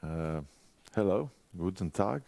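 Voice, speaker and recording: A man in his forties with a Croatian accent gives a conference presentation. His voice is deep and mellow, recorded close and dry. He talks through his material and puts quick questions to the listeners. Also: expressive, creaky, no room sound. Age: 40s. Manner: engages the audience with quick questions. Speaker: conference speaker.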